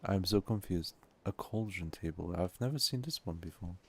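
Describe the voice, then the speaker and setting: Deep-voiced streamer, Turkish native speaker. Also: male voice, normal speed, a little hiss or hum. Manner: relaxed, musing, chatting with viewers. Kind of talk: casual game-stream chat.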